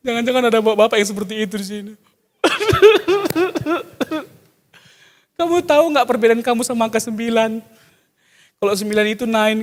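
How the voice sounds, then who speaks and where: A man preaching a sermon, animated, jumping from loud exclamations to soft asides and mimicking people for laughs. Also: very high voice. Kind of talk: sermon with jokes. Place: church hall. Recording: long church hall reverb.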